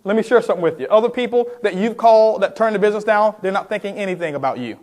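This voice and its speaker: Rapid-fire and high-pitched with a darkish tone, this sales trainer gives an emphatic motivational seminar talk. He keeps questioning his listeners directly and acts out phone calls in role-play.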